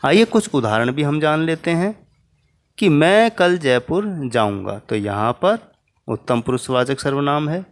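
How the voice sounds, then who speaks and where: Slow, patient male grammar teacher. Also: on the high side, lively intonation. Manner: slow, patient, spells out examples. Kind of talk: children's grammar lesson.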